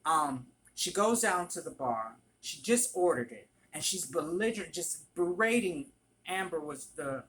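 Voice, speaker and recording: A vlogger telling a work story in an animated, profane storytime manner. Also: medium pitch, unhurried. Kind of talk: storytime vlog.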